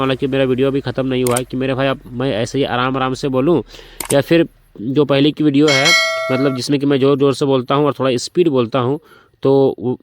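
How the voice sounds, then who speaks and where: A motorcycle finance explainer speaks in a medium pitch in a relaxed vlog, choosing a slow, deliberate pace. He repeats numbers as he works through the loan arithmetic step by step, addressing the audience as friends and brothers.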